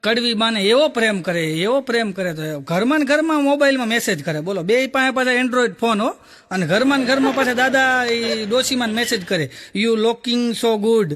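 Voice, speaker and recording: A man's voice: extremely high pitch, lively intonation, brisk, a bit bright. A man telling jokey stories on stage as a stand-up comedian. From Gujarat, India. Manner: jokey storytelling, punchline-driven. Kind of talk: live comic storytelling.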